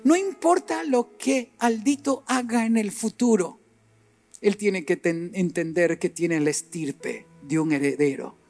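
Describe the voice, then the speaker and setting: High-voiced man preaching with animated emphasis. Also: unhurried, faint music behind. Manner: animated, acts out dialogue and rises to emphatic peaks. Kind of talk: sermon.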